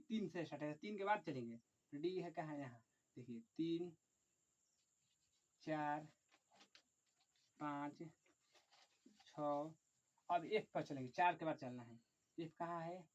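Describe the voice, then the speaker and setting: A man teaching an online chemistry lesson, dictating slowly and repetitively, often saying "look" and counting aloud. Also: on the high side, darkish tone. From Bihar, India. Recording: dull lo-fi recording.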